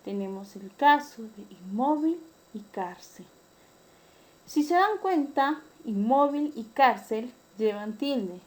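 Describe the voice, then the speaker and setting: A woman with a Peruvian accent teaching an online class for pupils, explaining each point slowly and carefully. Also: a little high, expressive, darkish tone. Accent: Peruvian Spanish. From Peru. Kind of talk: virtual class lesson.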